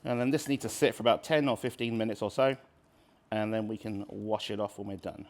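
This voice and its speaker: A man's voice: fairly low pitch, fairly even intonation, fairly quick. Man explaining food informally. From Barbados. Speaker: street-food cook. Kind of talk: casual cooking demonstration.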